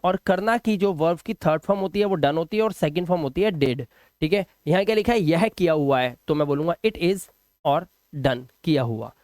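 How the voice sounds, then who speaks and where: A man with a high, light voice teaches a Hindi-language English lesson. He goes over each word patiently and repeats it several times. The sound is close and dry, with no room echo. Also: darkish tone. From India. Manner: explains slowly, repeats each word and asks "ठीक है?".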